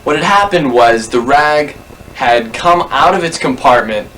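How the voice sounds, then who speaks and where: A man's voice: mid-range voice, lively intonation, measured pace, bright, forceful tone, slight background noise, rough recording. A man telling a personal anecdote to a documentary camera, rambling and correcting himself as he goes. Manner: rambling, self-correcting storyteller. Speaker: interviewee.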